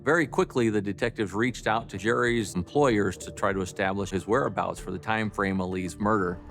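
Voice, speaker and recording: A man speaking as a detective in a documentary interview, recounting case facts in deliberate, official phrasing. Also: fairly low pitch, gravelly, a bit bright, soft background music.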